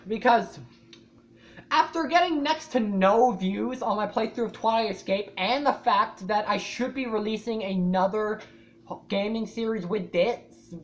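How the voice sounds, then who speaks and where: A woman YouTuber giving casual reaction commentary, rambling and swearing often, with loud startled outbursts. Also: medium pitch, slight background noise. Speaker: YouTuber reacting to a fan animation.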